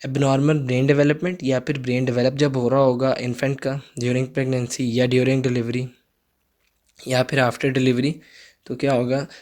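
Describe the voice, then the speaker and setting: A young man delivers a recorded psychology lecture in an instructive tone. His voice sits at a middle pitch. He goes over key points again and tells his students to note them down. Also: darkish tone.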